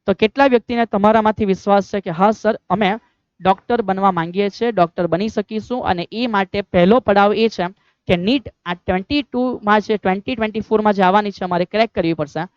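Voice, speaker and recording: A man teaching physics in a quick, high voice with a Gujarati accent, fatherly toward his students and constantly asking them questions. The sound is dry and slightly dull, with no room echo at all. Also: clear, resonant tone. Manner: fatherly, keeps calling students "beta", asks rhetorical questions. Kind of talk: online exam-prep lecture.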